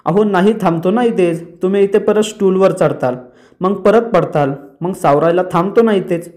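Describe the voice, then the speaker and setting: A playful young husband who teases lightly, read by a man retelling a soap. His manner is easygoing and joking. The voice is a touch high. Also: normal speed, dark tone, lightly acted. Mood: teasing. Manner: teasing, light.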